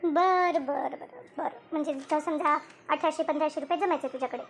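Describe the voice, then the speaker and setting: A woman's voice: sits high, normal speed, a little hiss or hum. A woman voicing a bossy, chatty village woman in a cartoon who explains her plan at length. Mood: explaining. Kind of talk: cartoon voice acting.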